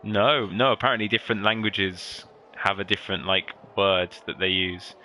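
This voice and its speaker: A man commentating a sim racing event with a bright, forceful tone and a slightly low voice. He banters playfully and lifts up excitedly when drivers make moves. A faint hiss of noise sits under his voice. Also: normal speed. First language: English. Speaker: race commentator.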